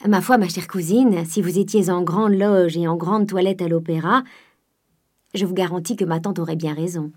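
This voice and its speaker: A woman's voice: fairly low pitch, fairly even intonation, moderate pace, natural voice. A woman reading the part of an affable, coquettish young Parisian dandy, with an airy, polished, lightly teasing manner.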